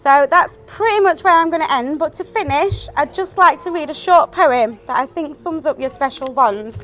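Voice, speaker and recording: A woman's voice: sits high, normal speed, fairly bright tone, faint music behind. A woman giving an earnest, affectionate wedding toast speech as best woman, reading from prepared words.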